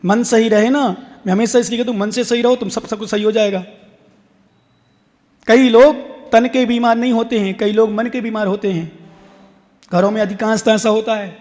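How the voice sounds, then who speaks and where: A man, a Jain monk, giving a devotional sermon, asking his listeners questions and chanting verses slowly. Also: high voice, fairly even intonation, a little mellow. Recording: long reverb from a hall.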